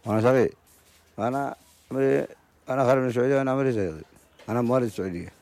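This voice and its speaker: Yemeni male interviewee, very rapid, clipped and repetitive replies. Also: medium pitch, gravelly, a little mellow. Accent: Yemeni Arabic. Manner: short, repetitive answers. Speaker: guest. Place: outdoor market.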